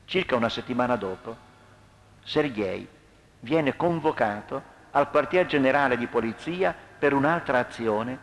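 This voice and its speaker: A man narrating a true testimony as an expressive dramatic reading. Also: mid-range voice. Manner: expressive, acts out quoted lines.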